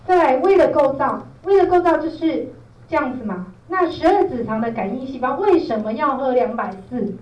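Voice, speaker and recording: A woman's voice: sits high, lively intonation, moderate pace. A distant, echoey recording carries a woman presenter with a Taiwanese Mandarin accent. She explains in an informal lecture style and often checks that listeners follow. The sound is slightly dull. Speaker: product trainer, presenter. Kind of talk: informal training lecture to a group. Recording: roomy echo, distant mic, dull, faint noise.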